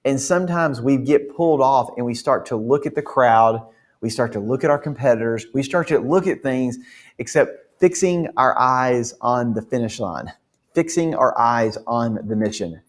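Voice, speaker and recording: Man, faith-based motivational talk, earnest, animated storytelling, mid-pitched voice, frequent restarts.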